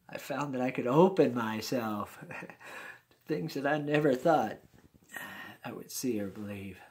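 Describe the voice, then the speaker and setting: A man's voice: medium pitch, expressive, slow, long pauses. An older man in his sixties telling a personal story in a folksy, chuckling way. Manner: folksy, chuckling, warm-hearted asides.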